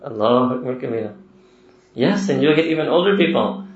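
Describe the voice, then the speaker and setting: A man teaching a religious lecture, chatty and full of rhetorical questions. His voice sits at a middle pitch. The recording is roomy and dull, with a faint hiss underneath. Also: expressive, a little fast, soft background music. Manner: conversational, with rhetorical questions and chuckles. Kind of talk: lecture-style sermon to young listeners.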